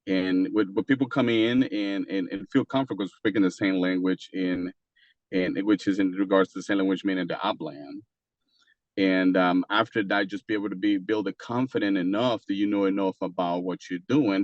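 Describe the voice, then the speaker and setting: A man from Costa Rica, a native Spanish speaker with a Costa Rican Spanish accent, talking as an interview guest in a halting way with many fillers and restarts. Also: sits low, no echo, lo-fi sound. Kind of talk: casual interview talk.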